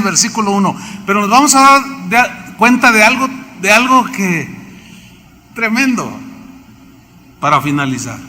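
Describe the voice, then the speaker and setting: A man with a Mexican accent preaching a sermon as pastor, animated, acting out biblical characters and asking the congregation questions. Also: sits high. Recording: reverberant hall, faint background noise.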